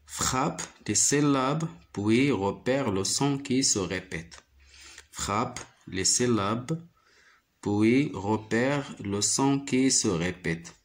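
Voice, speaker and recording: A man's voice: mid-range voice, extremely slow. A man teaching a primary phonics lesson, patiently repeating each word and syllable.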